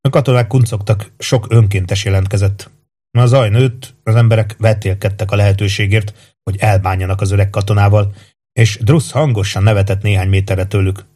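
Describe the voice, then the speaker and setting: Low husky male narrator. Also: steady tone, warm tone. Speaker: audiobook narrator. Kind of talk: scripted narration.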